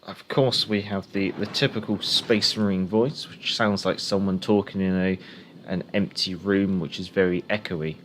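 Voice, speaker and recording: A man's voice: low-pitched, fairly even intonation, moderate pace, a little hiss or hum. A man streaming a game, chatting casually and thinking aloud as he gives live commentary.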